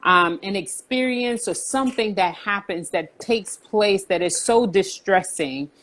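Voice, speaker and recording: Woman from Haiti, forties, guest counselor; measured, patient explanations, fillers. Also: mid-range voice. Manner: calm, explanatory, with frequent "um" and "you know". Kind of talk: conversational interview explanation.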